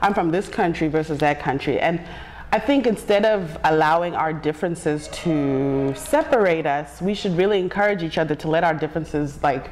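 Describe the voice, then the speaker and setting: A woman's voice: deep voice, moderate pace, slight background noise. A woman from Zimbabwe, co-hosting a casual talk show and laughing often. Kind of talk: casual chat. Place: bright living-room studio set.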